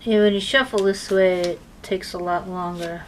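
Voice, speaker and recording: Heard in a rough recording, a woman's lowish, steady voice moves at a moderate pace. She's a tarot reader chatting casually, filler-heavy, while the noise of her card shuffling comes through clearly.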